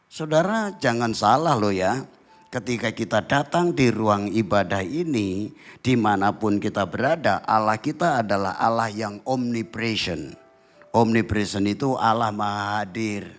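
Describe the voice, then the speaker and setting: A middle-aged man, a pastor preaching a sermon and telling stories in a lively way, sometimes singing lines of worship songs. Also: lowish voice. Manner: animated storytelling, voices God's words, breaks into song. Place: church hall.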